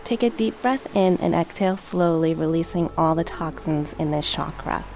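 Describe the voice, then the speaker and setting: Low, slightly creaky woman guiding a meditation. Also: slight background noise. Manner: calm, gentle, measured. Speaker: guided meditation narrator. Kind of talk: slow, soothing guided meditation narration. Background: relaxation track with music, dolphin and water sounds.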